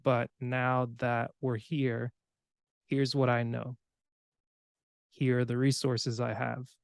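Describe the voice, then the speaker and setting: A young man from Cameroon, raised in the United States, hosting a podcast in a relaxed, rambling way. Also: medium pitch, slow pace, vocal fry, clear, resonant tone, no room sound, studio quality. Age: young adult. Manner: relaxed, rambling, with filler words and laughs. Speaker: podcast host. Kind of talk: casual conversation.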